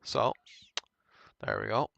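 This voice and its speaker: A young man giving an informal language lesson, thinking aloud in a halting way and correcting himself as he goes. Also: highs cut off, background noise. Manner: hesitant, halting, self-correcting. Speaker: language tutor.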